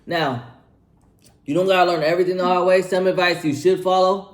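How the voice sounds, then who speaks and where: A man's voice: high-pitched, fairly even intonation, fairly quick. A man in his twenties giving casual life advice in a slangy, laid-back way, repeating himself and tagging lines with "bro" while he eats. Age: 20s. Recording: echoey room.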